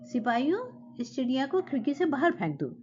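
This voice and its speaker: A woman's voice: a little high, big pitch swings, normal speed, lo-fi sound, slight background noise. A woman voicing a hot-tempered male king who barks orders at his soldiers. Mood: furious. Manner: raised shouted commands.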